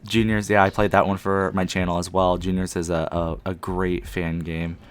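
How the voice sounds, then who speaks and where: Deep-voiced young man hosting a podcast. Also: level tone, normal speed, slight background noise. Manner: rambling, many ums. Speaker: podcast host. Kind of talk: casual chat. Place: friend's house at night. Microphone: one mic shared with a co-host.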